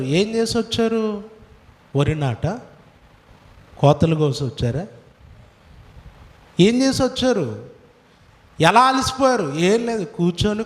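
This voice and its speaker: A male pastor preaching a sermon, from India, firing rhetorical questions at his congregation. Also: high-pitched. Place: church hall. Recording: echoey hall, voice from far off.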